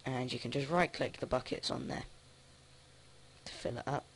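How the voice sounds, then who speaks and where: A man casually commenting on his own gameplay, thinking aloud with many halting restarts. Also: mid-range voice, fairly bright tone, slight background noise. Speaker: let's play host.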